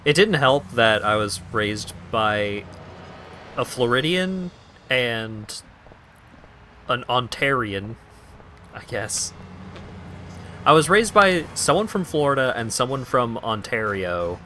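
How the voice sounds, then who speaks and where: A man's voice: mid-range voice, lively intonation, slow, long pauses, sharp tone, slight background noise. A man from Canada chatting casually while streaming a game, laughing often and poking fun at himself. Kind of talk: casual gameplay commentary.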